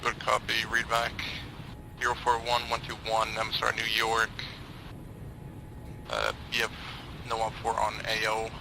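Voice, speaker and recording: A man speaking in terse, matter-of-fact military radio chatter as a helicopter pilot in a simulation game, with a gravelly voice. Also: on the low side, a little slow. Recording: noisy game radio with vehicle sound.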